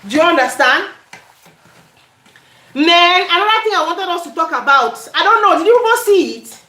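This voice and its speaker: A cooking vlogger with a high-pitched voice and a Cameroonian accent chats live to viewers as she cooks in her home kitchen. She's animated and conversational, often repeating her questions and phrases, and the room sounds echoey.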